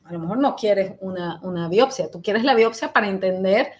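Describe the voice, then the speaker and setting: Speaking at a normal speed in a mid-range voice, a hepatologist from Venezuela takes questions as the invited speaker at a webinar. The audio comes through a video call, and she works through her answers aloud, full of fillers and false starts.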